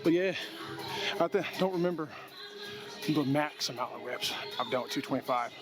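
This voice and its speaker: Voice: mid-range voice, normal speed. A person in their twenties chatting casually in a workout vlog, with slangy talk and swearing. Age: 20s. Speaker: gym vlogger. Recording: music playing behind. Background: music.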